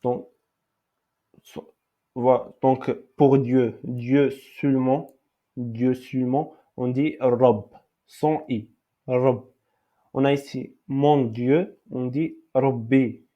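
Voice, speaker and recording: Very slow, hesitant male language teacher. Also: medium pitch, steady tone, muffled recording. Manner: hesitant, many fillers and restarts, repeats each word several times. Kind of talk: slow explanatory lesson with repeated example words.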